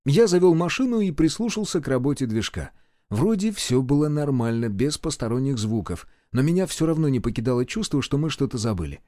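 Male audiobook reader, first-person, wry and brisk, animated pitch. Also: dry recording, studio quality. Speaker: audiobook narrator.

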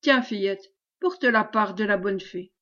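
A woman's voice: mid-range voice, a little slow, pushed and bright, dull audio. A woman reading the part of a devout, indignant village housewife in an audiobook.

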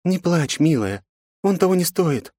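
Man doing protective aunt, higher voice, sharp, mocking, storybook, dry sound. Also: very animated, a little slow, no echo. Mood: soothing. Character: stern, protective woman, the girl's aunt.

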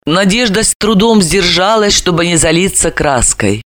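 A woman narrating a novel in measured, expressive storytelling. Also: lowish voice. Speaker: audiobook narrator. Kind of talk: scripted narration.

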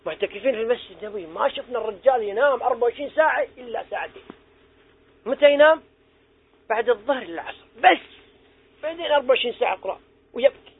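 On a tinny, phone-like recording, a middle-aged preacher gives young people a religious lesson in a very high, expressive voice with a breathy edge. He speaks rapid-fire, pauses often, exhorts them earnestly, and puts questions to his listeners.

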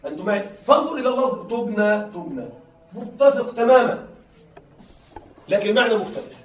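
High-voiced man lecturing a class. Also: lively intonation. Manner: repetitive, keeps checking that listeners follow; drawn-out emphatic stresses on key words. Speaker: teacher. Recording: roomy, distant mic, faint noise.

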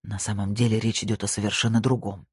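A weary old retired judge who mutters low and quiet and keeps dodging the questions, as the narrator drops her voice for him. The tone is husky and dry. It sounds like an audiobook scene. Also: little pitch movement, fast talker, no room sound, exaggerated voice. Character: retired older male judge, weary, evasive.

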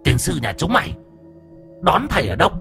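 A man's voice: a little high, sing-song, brisk, creaky, a bit bright, faint music behind, pitched above the performer's own voice, full character voice. A man voicing the vicious ghost of an old woman possessing an elderly medium, hissing curses and threats in a half-whisper. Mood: snarling threats. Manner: cursing, threatening.

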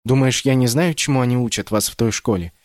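A man's voice: medium pitch, fast talker, a little mellow, no room sound, studio quality, lightly acted. A man doing Mama Rila, a loving stern storyteller. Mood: tender. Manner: tender, pleading, then proudly stern.

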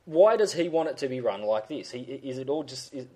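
A man co-hosting a sports podcast, ranting in a halting, casual way. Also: mid-range voice, animated, darkish tone. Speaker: co-host.

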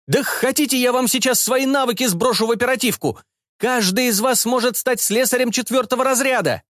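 Guy doing a squeaky freaked-out robot mechanic, begging, high and shrill. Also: a bit bright, no room sound, studio quality. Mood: pleading. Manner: high, shrill, rapid pleading. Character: panicky male cyborg mechanic, pleading and indignant. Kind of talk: audiobook character voice.

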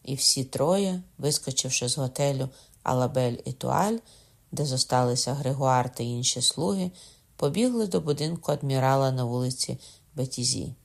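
A man narrating a historical novel audiobook in a steady storytelling manner. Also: mid-range voice, moderate pace, creaky. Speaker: audiobook reader. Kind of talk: scripted narration.

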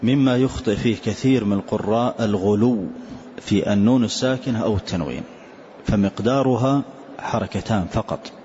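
Low-voiced guy explaining recitation rules, demos words slowly, dull lo-fi recording with faint hiss. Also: dark tone. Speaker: Quran recitation teacher. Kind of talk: classroom lesson on tajweed rules.

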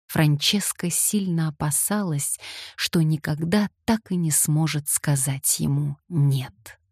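Low, slow woman narrating. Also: a little mellow, breathy edge, no room sound, studio quality. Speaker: audiobook narrator. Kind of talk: scripted narration.

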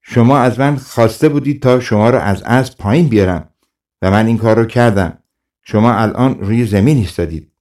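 A man's voice: medium pitch, a little mellow, lightly acted. A man voicing a clever, cheeky wandering trickster in a folk tale audiobook, speaking slyly and self-assured.

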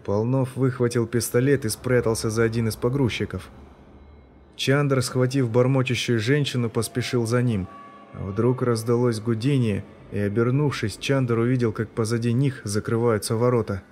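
A man's voice: mid-range voice, steady tone, normal speed, darkish tone, a little hiss or hum. Man reading a sci-fi story. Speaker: audiobook reader. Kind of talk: scripted narration.

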